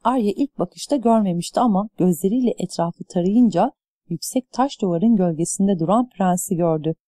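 A woman reading an audiobook in scripted narration, with a measured, even delivery. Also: medium pitch, dry recording, studio quality.

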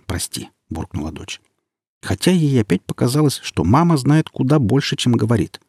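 A man narrating an audiobook in an expressive, lively reading. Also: mid-range voice, slightly rough, dry recording, clean studio sound.

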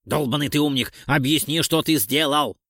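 Guy reading a hot-headed cursing buddy in an audiobook, loud and pushy, dry close sound. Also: medium pitch, animated, fairly quick, gravelly, breathy edge, dry recording, exaggerated voice. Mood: furious. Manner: shouting, demanding, cursing. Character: hot-headed, foul-mouthed male comrade.

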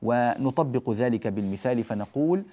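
A man teaching Quran recitation rules on a program, slowly enunciating examples and firmly correcting common mistakes. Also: medium pitch, animated, mellow. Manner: slow, deliberate enunciation of examples, then explains. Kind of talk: televised tajweed lesson.

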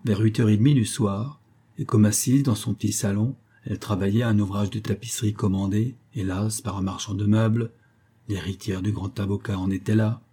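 A man narrating a classic novel as an audiobook in a measured, even reading. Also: fairly low pitch, husky.

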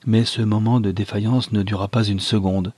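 A man reads a classic novel aloud at a measured, steady pace. His voice is deep and somewhat husky. The recording is close and dry. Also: no echo. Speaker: audiobook reader. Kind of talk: scripted narration of a novel.

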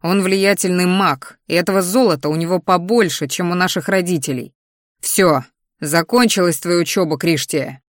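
A furious young male mage in an audiobook, scolding and growling at his sister, as a woman reader puts him on. The voice stays lowish and forceful, heard up close in a dry recording. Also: moderate pace, dry recording, lightly acted. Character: angry young male mage, exasperated brother.

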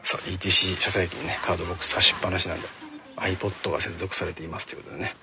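A man hosting a casual solo talk show from inside a parked car, speaking quickly and chattily into a handheld phone and jokingly scolding his listeners. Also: deep voice, little pitch movement, vocal fry, bright, forceful tone. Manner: fast-talking, chatty, mock-scolding listeners. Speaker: radio show host. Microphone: phone held in hand.

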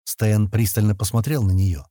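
A man narrating an audiobook in a calm, expressive storytelling manner. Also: on the low side, moderate pace, dry recording, clean studio sound. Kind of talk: audiobook reading.

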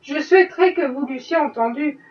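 A woman's voice: high-pitched, a little fast, reverberant, distant mic, muffled recording, natural voice. A woman reading a novel aloud, voicing a haughty, self-pitying rich lady in a prim, disapproving way. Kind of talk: audiobook reading.

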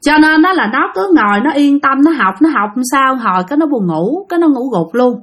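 A woman telling a spooky tale in relaxed, conversational style. She has a high voice and keeps turning to address her listeners directly. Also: fairly quick. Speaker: storyteller. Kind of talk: casual spoken ghost story.

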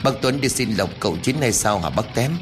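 An insistent village man questions people and presses his point, as a male storyteller voices him. His low voice keeps moving up and down. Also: animated, brisk, music in the background, natural voice. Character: inquisitive village man, persuasive.

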